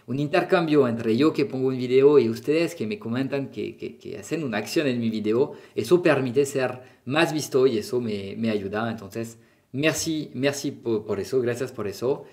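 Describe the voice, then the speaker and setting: Teacher repeating phrases slowly. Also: male voice, medium pitch, a little mellow. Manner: repeats phrases slowly, switching between Spanish and French. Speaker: French teacher. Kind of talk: language lesson for beginners.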